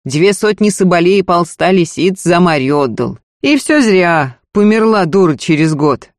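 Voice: medium pitch, animated, moderate pace, no room sound, studio quality, voice pushed up, close to an everyday voice. A reader voicing a blunt, stubborn young hunter in an audiobook. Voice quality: terse, unsmiling. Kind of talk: audiobook character voice.

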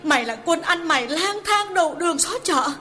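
A man narrator voicing a furious, betrayed village wife of nearly thirty, cursing and wailing in a high, shrill voice. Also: animated, fairly quick, bright, forceful tone, heavily acted. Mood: enraged. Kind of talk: audiobook character voice.

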